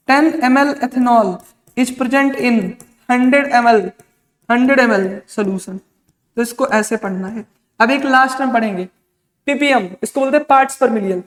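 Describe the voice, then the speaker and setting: A chemistry teacher, male and very high-pitched, lectures at a measured pace to help students prepare for exams. Questions he asks get answered by him, the students are called "beta," and English terms pop up in his talk. The room echoes with long reverb.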